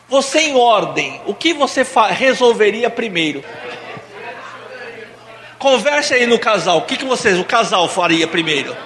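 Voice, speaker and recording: A man's voice: high voice, fairly bright tone. A man preaching to a congregation, joking and quizzing the audience. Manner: playful, asks the audience questions. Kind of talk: sermon with audience exercise. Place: church hall. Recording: church hall with reverb and audience.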